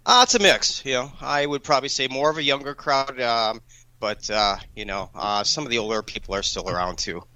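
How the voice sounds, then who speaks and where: A man in his fifties from Wisconsin, a nightclub DJ answering interview questions in an easygoing, relaxed way. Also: medium pitch, fairly quick, poor audio. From Wisconsin, USA. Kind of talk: casual radio interview.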